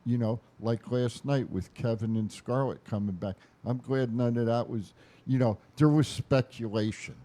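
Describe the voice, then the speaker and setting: A man co-hosting a wrestling podcast in casual chat, talking slowly and haltingly with many restarts. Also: medium pitch, dark tone. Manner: slow, hesitant, many fillers and restarts. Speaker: podcast co-host.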